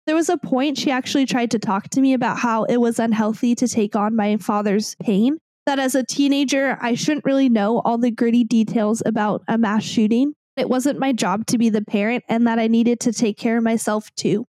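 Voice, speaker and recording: A woman's voice: on the high side, steady tone, fairly quick, few pauses, a little mellow, no room sound. A young woman speaking candidly and emotionally about her grief, at times on the edge of tears. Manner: emotional, candid, swears when angry. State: tearful. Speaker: guest. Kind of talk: personal testimony.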